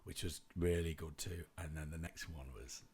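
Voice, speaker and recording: A man's voice: extremely low pitch, steady tone, normal speed, gravelly, a little mellow, slight background noise. A man co-hosting a podcast, chatting casually in a rambling, jokey way that often breaks off mid-sentence. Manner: rambling, self-interrupting, jokey. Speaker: podcast co-host. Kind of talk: casual chat.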